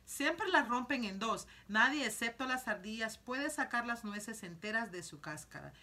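A woman reading aloud as an eccentric, cheerful male candy-factory owner who shows things off quickly and excitedly. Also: on the high side, heavily acted. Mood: explaining.

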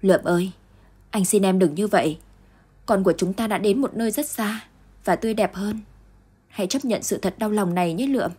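A woman voicing a young husband who speaks softly and soothingly to his grieving wife, with a husky tone. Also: medium pitch, fairly quick, lightly acted. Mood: tender. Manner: soft, soothing. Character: loving young husband, gentle and consoling.

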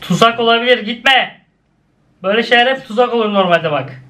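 A man's voice: brisk, bright, forceful tone. A young man casually commenting as he reacts to cartoon clips, often exclaiming and laughing. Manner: exclaiming, laughing, swings between high and low.

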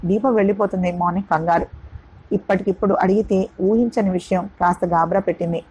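A woman narrating an audio novel in a steady storytelling cadence. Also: medium pitch, fairly quick, slightly rough, dull audio.

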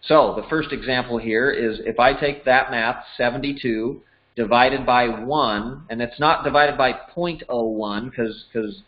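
Male finance teacher in his forties, mid-pitched, plain conversational delivery, slightly dull lo-fi recording. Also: measured pace. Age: 40s. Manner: plain, conversational, works through numbers step by step. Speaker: financial educator. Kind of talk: explanatory lesson over slides. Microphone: voice-over.

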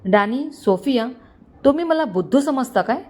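A woman voicing a cocky, scheming young male con man who speaks calmly and mockingly. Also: high-pitched, normal speed, voice pushed up. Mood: smug. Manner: calm, mocking, smug.

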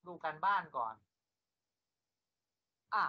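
A man lecturing an engineering class. He asks his students rhetorical questions and then answers them himself. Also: slow pace. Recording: lo-fi lecture recording.

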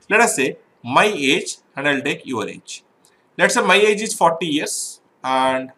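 Teaching an online exam-prep math lesson, a middle-aged man walks through problems step by step and keeps checking in with "right?" to his students. His voice sits high, with a bright, forceful tone.

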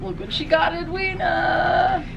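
A woman co-hosting a thrift video, chatting casually in a practical, gently teasing way. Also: very high voice, level tone, slow pace, gravelly, dull audio, background noise. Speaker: co-host of a thrift channel. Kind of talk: casual chat.

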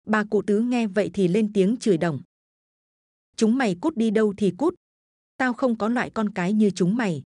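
A woman's voice: moderate pace, a little mellow, no room sound, clean studio sound, close to an everyday voice. A woman doing a fierce old grandmother. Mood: furious. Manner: scolding, shrill rebukes. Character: angry stubborn old village grandmother.

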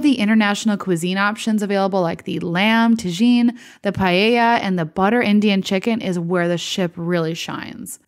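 A woman travel blogger giving an upbeat, scripted voice-over review, listing details with enthusiasm. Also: mid-range voice.

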